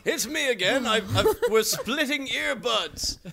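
Man doing a sleazy oddball driver, high voice, gravelly, bright, bouncy. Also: expressive, a little slow, crowd noise, heavily acted. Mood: goofy. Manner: sings along to his car radio, sleazy charm. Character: flirty oddball male driver calling in. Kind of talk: improvised comedy call-in.

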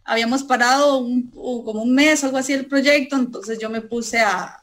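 A woman's voice: a little high, normal speed. A young woman, a guest entrepreneur on a radio interview, telling her story animatedly and tagging her sentences with "¿verdad?". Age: young adult.

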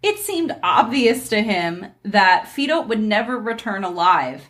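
A woman's voice: medium pitch, big pitch swings, unhurried, fairly bright tone. Woman narrating a folk tale. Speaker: narrator and host. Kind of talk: storytelling read-aloud with casual asides.

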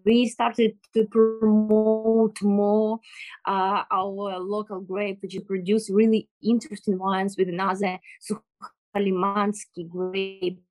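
A woman's voice: mid-range voice, flat delivery, a little mellow, faint music behind, poor audio. Ukrainian-accented woman speaking careful English. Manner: careful English, halting, searching for words. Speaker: interview guest. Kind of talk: explanatory interview talk.

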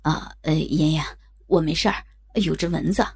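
A woman voicing a sly, gruff old father-in-law with a husky, creaky, breathy voice, muttering evasively in an audio story. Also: low voice, steady tone, moderate pace, voice pushed down, full character voice. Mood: evasive, hesitant.

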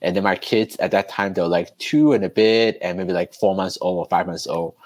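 Raised in Canada but from Hong Kong, a man chats loosely as a podcast guest, telling stories conversationally in a relaxed way full of fillers and restarts. His voice is low-pitched and a little fast, with no echo in the recording.

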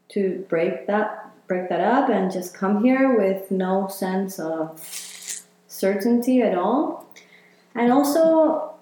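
In a relaxed interview recorded in a very echoey room, a woman from Chile who works as a healer speaks reflectively with plenty of fillers. Her voice is warm and medium-pitched.

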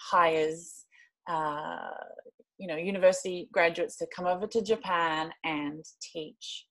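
A woman's voice: on the low side, fairly even intonation, slow, a bit bright. Friendly woman guest from New Zealand. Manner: friendly storytelling. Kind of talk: casual podcast interview.

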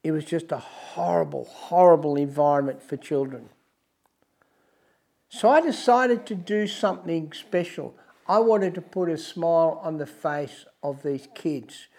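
An Australian man presenting as a wildlife host, telling adventure stories in a deliberate, emphatic, dramatic way, with music behind him. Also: a little high, gravelly, a little mellow.

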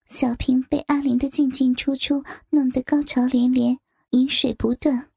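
A woman reading a scripted story aloud in a soft, half-whispered voice. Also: high voice, level tone, normal speed, vocal fry, slightly rough, dry recording.

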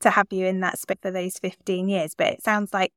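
A woman's voice: mid-range voice, little pitch movement, fairly quick, fairly bright tone, no room sound, studio quality. A middle-aged woman hosting a conversational interview, responding in an affirming, reflective way. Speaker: podcast host, interviewer.

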